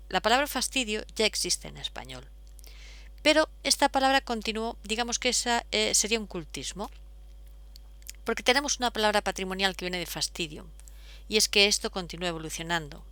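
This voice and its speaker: A woman's voice: medium pitch, brisk, pushed and bright, clear, resonant tone, no echo. A woman, explaining step by step as a teacher, patient, with frequent fillers. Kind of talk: explaining at a whiteboard.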